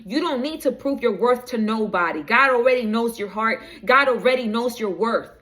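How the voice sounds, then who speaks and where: A woman's voice: fairly high pitch, normal speed, fairly bright tone. A woman giving a preachy spiritual reading straight to her viewers, rambling and losing track of her notes as she goes. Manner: preachy, direct address to viewers; rambling, loses her notes mid-talk. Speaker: spiritual reader. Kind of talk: inspirational reading to camera.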